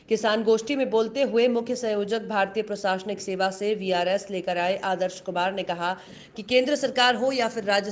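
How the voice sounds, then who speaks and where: A woman reading a local news report as a voice-over, in a steady, formal delivery. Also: medium pitch. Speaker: news reader.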